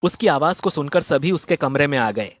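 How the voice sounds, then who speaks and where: A male storyteller narrating a dramatized moral story. His delivery is steady and plain, slightly high-pitched. Soft music plays behind him. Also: normal speed.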